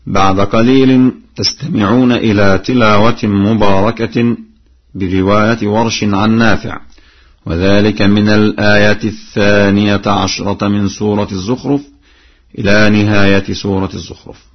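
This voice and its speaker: A man teaching the readings of the Quran, explaining each variant plainly and then chanting the verse slowly to demonstrate it. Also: on the low side, little pitch movement, muffled recording. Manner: alternates plain explanation with slow chanted recitation.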